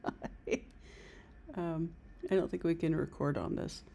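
A woman's voice: low voice, steady tone, normal speed, vocal fry, warm tone. A middle-aged woman chatting casually with a puppet at close range in a living room. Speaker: amateur ventriloquist. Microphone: device camera at close range.

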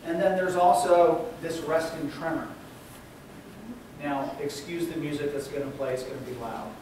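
A man gives a university lecture in an explanatory manner, checking in with his students and pausing on fillers as he goes. He sounds far from the mic in a very echoey room, with clear background noise throughout. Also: on the high side, fairly even intonation, a little mellow. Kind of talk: recorded classroom lecture.

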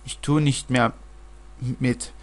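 A man reading the lines of a touchy little girl who shouts and quarrels. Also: mid-range voice, steady tone, takes it slowly, natural voice. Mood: indignant. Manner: indignant, loud.

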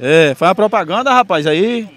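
High-voiced guy hosting at an outdoor animal fair, chatty and upbeat, handheld mic. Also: lively intonation, normal speed, a bit bright. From Sergipe, Brazil. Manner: chatty, upbeat, addresses viewers directly. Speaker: host of a rural culture channel. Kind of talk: casual street interviews at a livestock fair. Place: outdoor dirt fairground with animals. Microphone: handheld mic, phone camera.

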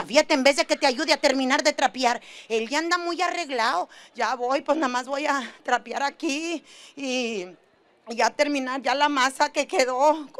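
A woman's voice: high voice, a bit bright. A Mexican woman comedian with a Mexican accent, telling a crude, slangy, exasperated comic monologue and acting out family scenes. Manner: crude, slangy and exasperated, switching into voices of kids and husband.

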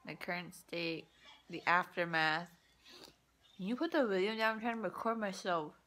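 A woman's voice: on the low side, steady tone, normal speed, fairly bright tone. A young woman vlogger rambling casually, groggy and numb-mouthed from dental anesthesia, drawing out her words into a phone. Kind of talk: casual video diary. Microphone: phone at arm's length. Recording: noisy phone recording.

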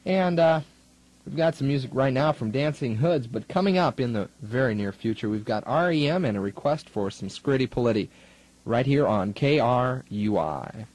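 The audio is poor and dry on this 1980s college radio aircheck tape, where a young American student DJ announces music and chats wryly and casually. He's expressive, moderately paced, mid-range, and a little mellow.

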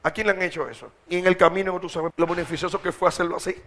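A man's voice: high voice, steady tone, fast talker, a bit bright. A man preaching a sermon, exhorting his congregation in a direct, colloquial way.

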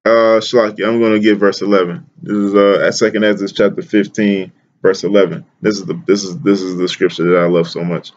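A man's voice: low voice, fairly quick, hardly any pauses. Slangy man reading scripture, lo-fi. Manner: slangy, excited, repeats words, says "man" often. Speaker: bible teacher. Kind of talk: casual scripture reading and commentary.

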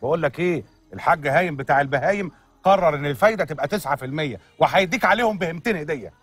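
A man's voice: a little high, breathy edge, dry recording, distant mic. An actor with an Egyptian accent playing a meddling, joking man who teases and stirs up trouble in a comedy series. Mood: teasing. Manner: teasing, mischievous, rapid banter.

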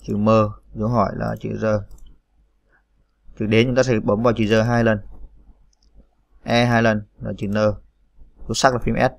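Low, gravelly man spelling out keystrokes. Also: little pitch movement, unhurried, pauses often, no room sound. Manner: spells out keys letter by letter, many "à" fillers. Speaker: computer tutorial host. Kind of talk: screen-recorded typing tutorial.

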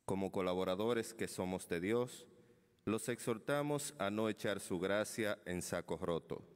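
Deep-voiced man reading scripture in church. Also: a little slow, smooth. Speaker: lector at Mass. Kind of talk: solemn liturgical scripture reading. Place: church, at the lectern. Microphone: gooseneck lectern microphone, speaking through face mask. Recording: reverberant church sound.

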